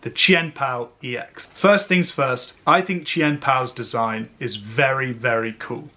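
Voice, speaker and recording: A man hosting a review in an eloquent yet casual, expressive way, like a narrated vlog with some slang. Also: medium pitch. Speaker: trading card reviewer and host. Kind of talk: scripted review narration with casual pack-opening commentary.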